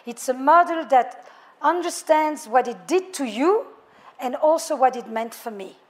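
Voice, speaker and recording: In a public talk before a live audience, a couples therapist, a middle-aged woman with a French accent, speaks thoughtfully and strings together lists of words. Her voice is high-pitched and expressive, and she is unhurried.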